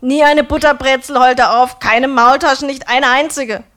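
A woman doing a furious shouting kebab-shop guy. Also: mid-range voice, steady tone, a little fast, natural voice. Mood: ranting. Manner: shouting, swearing rants. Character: furious young male kebab-shop worker.

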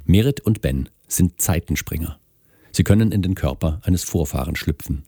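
Male podcast announcer, extremely deep, dark and warm, calm formal intro. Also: moderate pace, creaky, slightly rough, no room sound, clean studio sound. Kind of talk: scripted introduction. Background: faint music.

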